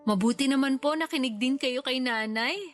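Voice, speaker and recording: In a Tagalog radio drama, a woman plays a respectful, ambitious daughter in her twenties who is polite, eager, and determined. She speaks in a natural, high-pitched voice at a moderate pace, with faint music behind her.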